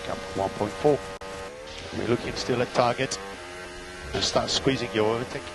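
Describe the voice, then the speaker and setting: A man working as a race engineer talks at normal speed in a mid-range voice, his team radio messages very noisy. His instructions and gap updates are clipped and matter-of-fact, with key points often said twice.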